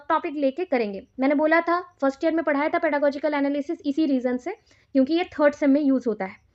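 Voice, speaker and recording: A woman teacher with an Indian accent giving a brisk exam revision lecture, reading questions aloud slowly and explaining them. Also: high-pitched. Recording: dull lo-fi recording.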